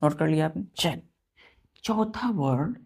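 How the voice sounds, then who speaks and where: Slow, patient man teaching vocabulary. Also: on the high side, lively intonation, darkish tone. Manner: spells words letter by letter and keeps asking if it is clear. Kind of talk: vocabulary lesson for exam students.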